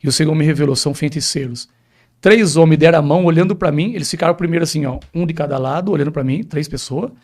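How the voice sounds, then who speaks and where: Emphatic pastor with a higher voice. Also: male voice, quick pace, a little mellow. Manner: emphatic storyteller, keeps addressing the host as pastor. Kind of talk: personal testimony in a podcast interview.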